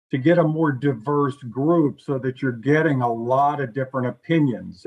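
A man's voice: mid-range voice, dull audio. A man who works in education, speaking casually as a guest in an interview, full of loose asides. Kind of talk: conversational interview.

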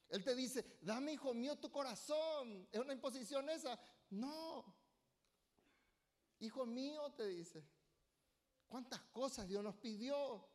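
A man preaching a sermon as pastor, emphatic and rising to loud bursts, often calling for amens from the congregation. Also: high voice. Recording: long hall reverb.

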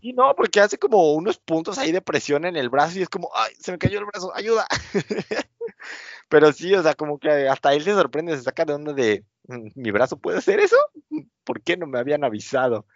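Brisk and fairly high-pitched, this man's voice swings widely, and the recording is dry and dull lo-fi. He's a podcast co-host loosely recounting a TV episode, wandering with many fillers and performing quotes amid laughter.

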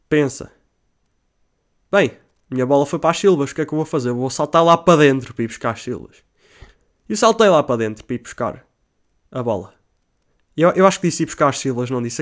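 A young man with a European Portuguese accent tells a story in casual, profane, rambling talk, with English slang mixed in and high shouts as he acts out his own cries.

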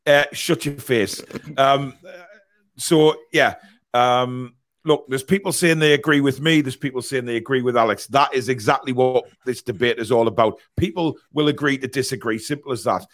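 Hoarse, raspy man hosting a football debate. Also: medium pitch, normal speed. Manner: raising the voice to get sound out. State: hoarse, strained voice from a worn-out throat. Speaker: host of a football fan debate show. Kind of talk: live panel debate.

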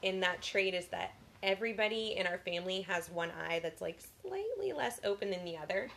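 A woman in her thirties co-hosting a podcast with a husky voice and dry, teasing humor. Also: mid-range voice, lively intonation, fairly quick, fairly bright tone. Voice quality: husky today. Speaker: podcast co-host. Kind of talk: casual chat.

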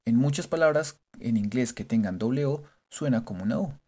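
A man hosts a playful language lesson, slowly and patiently spelling words out letter by letter. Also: medium pitch. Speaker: English teacher and show host.

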